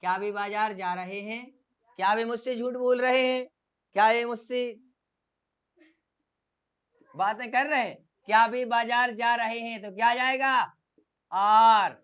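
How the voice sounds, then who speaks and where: English teacher guy, clean smooth voice, keeps asking the class the same thing over and over. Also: extremely high pitch, fairly even intonation, moderate pace, a bit bright. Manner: drills by asking and repeating questions. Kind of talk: classroom grammar lesson.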